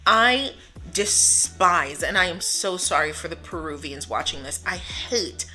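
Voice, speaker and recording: Bright, chatty American woman vlogging. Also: lowish voice, expressive, unhurried, soft background music. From United States. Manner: chatty and upbeat, laughs often. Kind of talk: casual vlog talk to camera.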